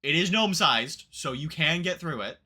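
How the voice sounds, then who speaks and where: A man's voice: fairly high pitch, animated, moderate pace, sharp tone. A young man running a tabletop game as dungeon master, talking loosely and correcting himself as he goes. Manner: loose, self-correcting, laughs easily.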